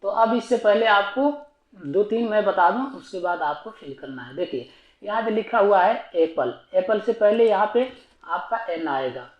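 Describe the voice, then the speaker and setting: A man's voice: high-pitched, expressive, moderate pace, echoey room, highs cut off. A man teaching an online grammar lesson, explaining patiently and repetitively and asking himself rhetorical questions.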